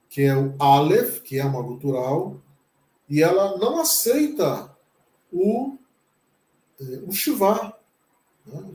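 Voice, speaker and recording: Slow, patient Brazilian man teaching. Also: high voice, a little mellow, reverberant. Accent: Brazilian Portuguese. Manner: patient, repeats each word several times. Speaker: pastor teaching Hebrew. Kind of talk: slow classroom lesson.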